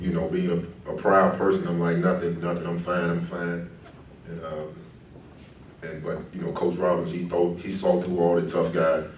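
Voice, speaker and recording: A man's voice: sits low, darkish tone. A man speaking as a former player, giving a casual, rambling tribute speech at an awards ceremony with lots of "you know" fillers. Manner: rambling and conversational, many "you know" fillers, laughs between phrases. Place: indoor event hall. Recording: echoey hall, heard from a distance, faint room noise.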